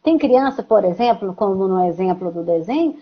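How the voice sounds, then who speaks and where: A Brazilian psychologist explaining parenting tips calmly on a video call, with frequent pauses and restarts. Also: female voice, medium pitch, breathy edge, highs cut off. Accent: Brazilian Portuguese. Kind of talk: casual advice chat on a video call.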